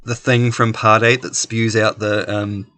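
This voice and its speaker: A man's voice: fairly low pitch, flat delivery, unhurried, bright, forceful tone. A man with a mild New Zealand accent chatting casually and jokingly as a podcast host, often hesitating as he searches for words. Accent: New Zealand, not strong.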